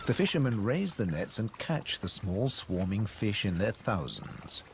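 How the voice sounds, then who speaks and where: A man reading scripted nature documentary narration in a measured way, with dramatic pauses. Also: fairly low pitch, very animated, gravelly, background noise. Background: background music.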